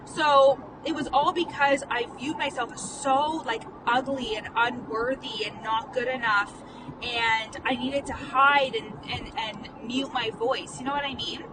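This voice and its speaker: Speaking at a measured pace, a late-twenties life coach and podcast host talks through a casual vlog monologue as she drives. Her slightly high voice carries a stutter, and her candid rambling is full of "like" with the occasional swear. A distant phone mic in the noisy car picks up constant, clearly heard road noise.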